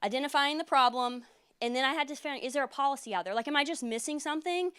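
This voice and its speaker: A woman in her thirties, a military lawyer, giving an earnest conference presentation with frequent fillers, her voice a little hoarse. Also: sits high, fast, sharp tone. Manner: earnest, explanatory, many fillers. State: losing her voice.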